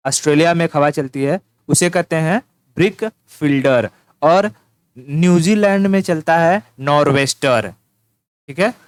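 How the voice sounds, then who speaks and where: Male tutor, teasing and repetitive, clear voice, dry close mic. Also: a little high, dry recording. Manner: teasing, repetitive, addresses listener as "tu". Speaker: teacher. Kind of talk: informal exam-prep lesson.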